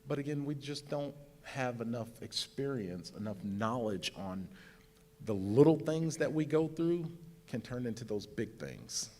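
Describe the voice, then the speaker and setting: A man's voice: mid-range voice, expressive, measured pace, dark tone. A man speaking as a panelist at a public discussion. He talks in an earnest way, often repeats words and ends points with "right?". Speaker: panelist sharing lived experience.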